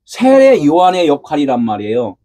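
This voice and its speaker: A husky-voiced man preaches a sermon in a high, restless voice. His pitch swings up and down as he fires questions at his listeners and answers them himself. At times he lifts his voice to a preacher's shout. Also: huge pitch swings, normal speed. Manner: asks the congregation rhetorical questions and answers them. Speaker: pastor.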